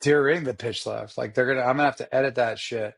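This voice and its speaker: A man co-hosting a podcast in casual motorsport chat, with a hoarse, rough voice and a rambling, slangy, enthusiastic way of talking. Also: medium pitch, steady tone, fast talker. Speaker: podcast co-host.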